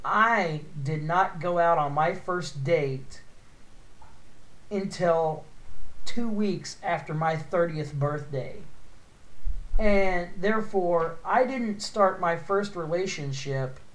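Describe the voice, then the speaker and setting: A man's voice: fairly high pitch, slow, a bit bright, echoey room. A man in his thirties in casual chat, blunt and complaining, with frequent swearing. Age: 30s.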